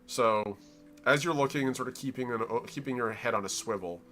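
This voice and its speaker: A man's voice: medium pitch, a little fast, fairly bright tone, a little hiss or hum. A man running a tabletop game, improvising narration and casually explaining scenes to players. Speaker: game master. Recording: prominent background music.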